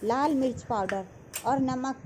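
A woman hosting a home cooking video, calmly talking viewers through each step of a recipe. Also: sits high, a little slow, slight background noise. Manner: instructive, addresses viewers as friends. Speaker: cooking channel host. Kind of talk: cooking tutorial narration. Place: home kitchen.

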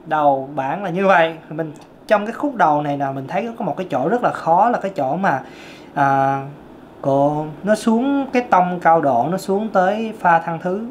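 A man's voice: high-pitched, slight background noise. A man with a Southern Vietnamese accent and a tenor voice, teaching a singing lesson as a vocal coach. He explains emphatically and repeats key points.

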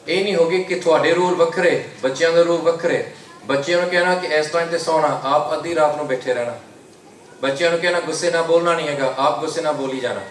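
Man, Sikh preacher, exhorting lecture, raised pitch, distant mic, echoey room, faint hiss. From United Kingdom. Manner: exhorting, repeats slogans in English between Punjabi. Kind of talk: religious lecture to a congregation.

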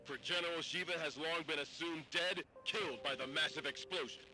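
An actor playing a formal radio news announcer, reading bulletins in a measured, dramatic way. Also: male voice, a little high, pushed and bright, low-quality recording. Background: music.

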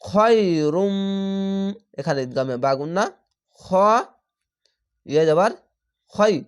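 A man teaching Quran reading who spells each word out slowly, syllable by syllable, then chants the whole word, and explains the rules patiently. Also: on the high side, animated. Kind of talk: spelling-out Quran recitation lesson.

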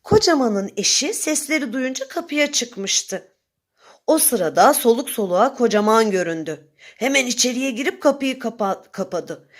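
A woman narrating a children's story in a slow, expressive storytelling manner. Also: on the high side.

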